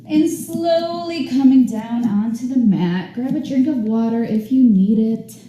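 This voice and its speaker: A woman's voice: fairly high pitch, a little slow, mellow, heavy reverb, poor audio. A woman teaching a yoga class, guiding poses with upbeat, chatty encouragement. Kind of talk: guided yoga class instruction. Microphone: camera mic at a distance.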